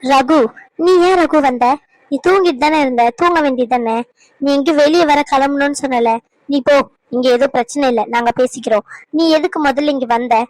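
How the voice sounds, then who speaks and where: A woman's voice: high voice, brisk, no room sound, lightly acted, low-quality recording. A woman voicing a pleading anxious mother. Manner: pleading, soothing. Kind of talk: cartoon dub acting.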